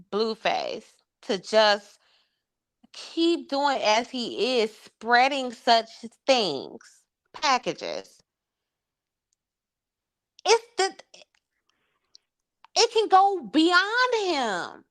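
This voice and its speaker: A woman's voice: a little high, sing-song, drawn-out words, long pauses, fairly bright tone. A woman co-hosting a call-in show, talking emphatically and repeating words when she jumps in. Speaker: co-host. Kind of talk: casual radio banter.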